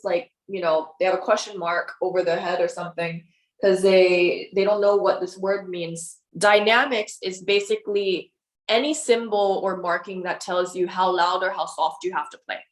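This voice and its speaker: A woman's voice: medium pitch, a bit bright. A woman piano teacher giving a music theory lesson to her students, explaining patiently and checking in often with "okay?" and "right?".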